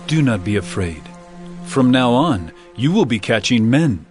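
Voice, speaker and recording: A man's voice: mid-range voice, big pitch swings, a little slow, a little mellow, soft background music. A man playing Jesus as an authoritative, earnest teacher in a dramatized scripture recording, speaking in a declamatory, emphatic way. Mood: calm authority. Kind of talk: dramatized scripture audio acting.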